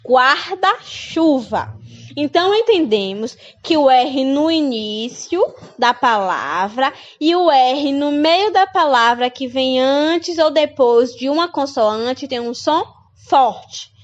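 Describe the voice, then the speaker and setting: A woman's voice: high voice, animated, slow, dull audio. A woman teacher giving a children's phonics lesson, patiently repeating example words and asking her pupils questions. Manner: asks pupils questions, calls them dear.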